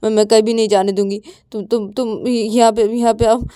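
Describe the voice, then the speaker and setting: A woman's voice: a little high, flat delivery, a little fast, mellow, no room sound, studio quality, voice pushed down, lightly acted. A woman voicing a clingy, tearful young woman who stammers and repeats her words. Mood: pleading.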